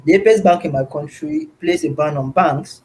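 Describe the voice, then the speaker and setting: Man from Nigeria, host on a video call, fairly high voice, earnest, repeats himself, faint noise behind. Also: sing-song, moderate pace, darkish tone, poor audio. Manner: earnest, repeats words, many fillers. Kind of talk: online community call.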